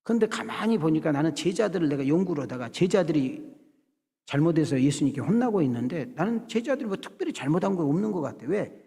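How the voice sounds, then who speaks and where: Middle-aged guy pastor, chatty joking sermon, highish voice, big church echo. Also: expressive, fast. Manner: conversational, jokey, acts out scenes with shouted voices. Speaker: senior pastor. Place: church sanctuary. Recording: long hall reverb in a church sanctuary.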